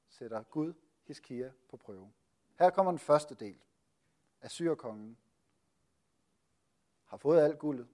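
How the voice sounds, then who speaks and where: A man preaching and teaching on a Bible passage, asking lively rhetorical questions and pausing often with hesitations. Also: medium pitch.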